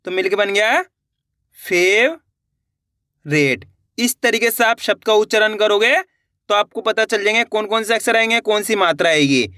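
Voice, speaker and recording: A man leads a beginner's spelling lesson in a bright, crisp voice. He poses a question and answers it himself, then drags each word out syllable by syllable. The sound is dry and close, with no room around it. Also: high-pitched, dry recording. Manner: repetitive, asks and answers his own questions; stretches out words slowly when sounding them out. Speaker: Hindi literacy teacher.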